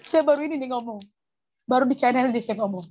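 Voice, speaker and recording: Husky-voiced woman sharing a testimony. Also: high-pitched, quick pace, highs cut off. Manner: animated storytelling, acts out quoted dialogue. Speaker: guest giving a church testimony. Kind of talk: emotional personal testimony.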